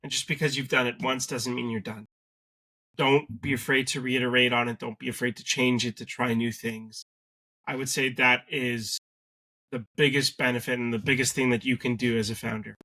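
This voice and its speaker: A man's voice: medium pitch, fairly even intonation, moderate pace, sharp tone. A man with a Canadian accent, a sales agency cofounder, giving articulate, emphatic answers in a podcast interview.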